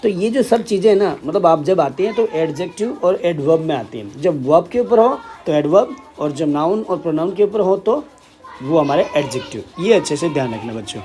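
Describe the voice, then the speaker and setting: A man's voice: on the high side, animated, brisk, dark tone. A man teaching an English grammar lesson in Hindi, explaining step by step and often checking with "ठीक है".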